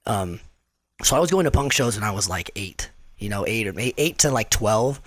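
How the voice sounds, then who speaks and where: A man's voice: lowish voice, expressive, moderate pace, dry recording. A man from Southern California, a podcast guest, talking about his work in a laid-back, slangy, rambling way full of restarts. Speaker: podcast guest, mural artist. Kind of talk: casual conversation.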